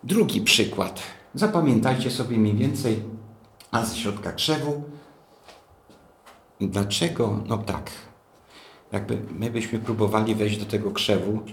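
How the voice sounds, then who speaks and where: Man preaching, low voice, slow deliberate delivery, rhetorical questions, roomy echo, faint hum. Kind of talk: teaching sermon, Bible study. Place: church hall.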